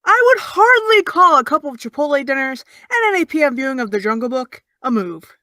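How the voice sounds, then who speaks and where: Speaking in a high, brisk, exaggerated voice, a woman plays Eve, a young adult American who is sardonic. The audio drama lines come out sarcastic and cutting, yet dry, teasing and deadpan.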